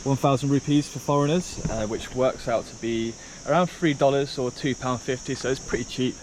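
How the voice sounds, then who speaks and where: A man's voice: mid-range voice, fairly quick. Chatty man vlogging outdoors. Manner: chatty, rambling, lots of ums. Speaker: travel vlogger. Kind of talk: casual travel vlog narration. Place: outdoors on a rock trail. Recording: outdoor noise with insects and crickets.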